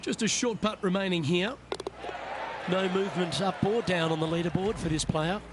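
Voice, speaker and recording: Man as high-voiced golf commentator. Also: moderate pace, close to an everyday voice. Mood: focused. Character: male golf broadcaster tracking players. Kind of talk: video game golf commentary. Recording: crowd and clear background noise.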